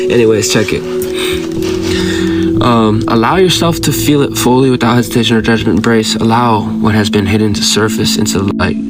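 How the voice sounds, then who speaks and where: A man's voice: lowish voice, vocal fry. A man giving an emphatic, commanding motivational spiritual monologue as a guide, blunt and slangy in his wording. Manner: emphatic, commanding, preachy exhortations.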